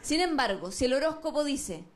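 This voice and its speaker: Brief: high-pitched Chilean woman, wry mocking stand-up, noisy live stage. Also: big pitch swings, moderate pace. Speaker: stand-up comedian. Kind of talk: stand-up comedy set. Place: stage before a live audience.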